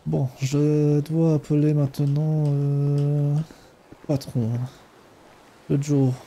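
A man's voice: mid-range voice, completely flat delivery, slow pace, warm tone, slight background noise, close to an everyday voice. A man playing a polite Ukrainian immigrant taxi driver who speaks broken French with a put-on accent. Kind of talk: role-play in a game.

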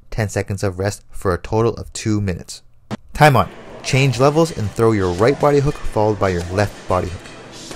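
A man working as a boxing coach, calling out combinations and timing cues in short, motivational commands. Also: on the low side. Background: music.

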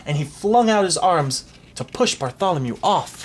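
A reader narrating a storybook aloud for a child in an expressive, animated way. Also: mid-range voice, normal speed, a little hiss or hum.

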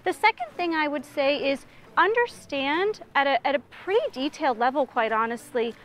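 Woman in her 30s, consultant, earnest explanations, high voice, park, lapel mic. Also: moderate pace. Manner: earnest, explanatory, with restarts and fillers. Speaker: management consultant. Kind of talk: outdoor walk-and-talk interview. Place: outdoor city park.

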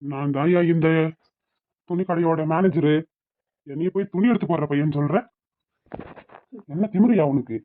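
A man's voice: on the high side, moderate pace, pauses often, natural voice. A man doing a pompous shop manager. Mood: indignant. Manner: indignant. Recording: tinny phone-like sound.

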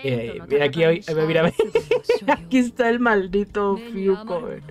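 Lively Mexican man ranting over game pulls. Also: high voice, brisk, soft background music. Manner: exasperated, self-mocking, laughs a lot. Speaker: gaming youtuber. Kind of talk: casual gameplay commentary.

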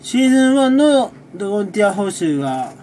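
Male gaming creator, relaxed recap chat; light pitch, mellow tone, chuckling asides. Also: fairly quick, slight background noise. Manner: talks while sipping a drink. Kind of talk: casual monthly recap chat.

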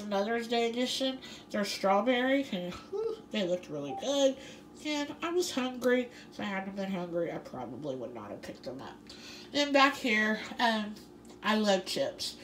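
A woman's voice: medium pitch, a bit bright, poor audio. Woman chatting thru her grocery haul in the kitchen, lots of um and you know, little laughs, faint hiss behind. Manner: chatty, rambling, laughs often, many fillers. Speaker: vlogger. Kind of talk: casual grocery haul vlog. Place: home kitchen.

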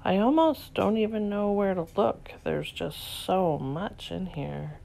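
A woman vlogger and reseller casually narrating as she browses an antique store, softly marveling and sometimes dropping to a whisper. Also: medium pitch, slow pace, creaky, slight background noise. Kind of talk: casual shop-along narration. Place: cluttered indoor antique store.

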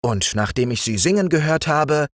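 A man voicing a timid, eager young frog king in a storybook reading, in a raised, excited voice. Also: fairly high pitch, normal speed, no echo, clean studio sound, voice pushed up.

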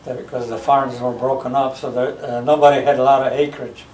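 An older man born in the United States sits in a recliner, slowly recalling his childhood for a family oral history, pausing often as he searches for details. His mid-range, slightly mellow voice stays fairly level in pitch. A camera mic across the living room captures roomy home video with a little hiss or hum.

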